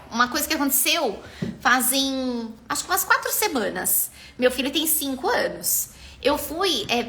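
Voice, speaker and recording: Lively bright-voiced Brazilian woman educator. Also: high-pitched. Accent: Brazilian Portuguese. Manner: animated, acts out parent and child lines. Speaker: parenting educator hosting a live stream. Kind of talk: casual live-stream talk on parenting.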